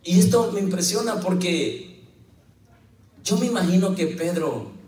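A man preaching a lively sermon as pastor, telling the story and quoting scripture with jokes along the way. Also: high voice, a little slow. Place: church hall. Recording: echoey church, mic at a distance.

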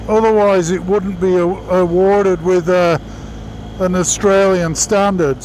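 A fairly high-pitched man talks from inside a motorcycle helmet, which muffles his voice a little. He gives casual, plainspoken verdicts in a product review. Faint street and engine noise sits behind him outdoors. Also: a little mellow, poor audio.

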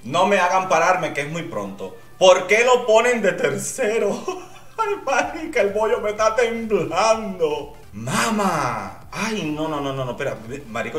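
A man's voice: fairly high pitch, a bit bright. Drag vlogger, male, campy gushing reactions, recorded from a distance in a reverberant room. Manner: flamboyant, gushing, bawdy, with shrieking outbursts. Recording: echoey room, mic at a distance, faint music.

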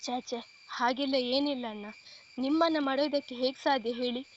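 A humble, grateful young woman speaking politely and with hesitant earnestness in an audio story, voiced by a woman reader. Her voice is high, on a dull lo-fi recording. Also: fairly even intonation, normal speed, slight background noise, close to an everyday voice. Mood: earnest.

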